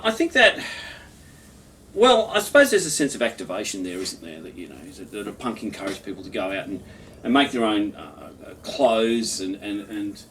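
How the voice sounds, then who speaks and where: A man's voice: on the low side, a bit bright, recorded from a distance, slight background noise. Rambling man in his fifties. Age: 50s. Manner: rambling, full of restarts and chuckles. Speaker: poet. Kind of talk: poetry reading then casual chat. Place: his home.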